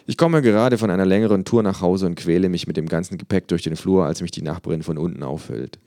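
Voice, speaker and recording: A man reading his comic story aloud in dry, deadpan first-person narration. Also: sits low, fast talker, no room sound. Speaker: reader.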